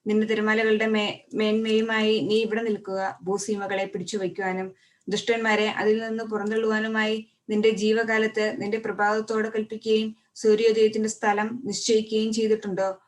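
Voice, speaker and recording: Woman reading scripture in a flat voice. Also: medium pitch, normal speed, distant mic. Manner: steady reading with frequent restarts on words. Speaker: Bible reader.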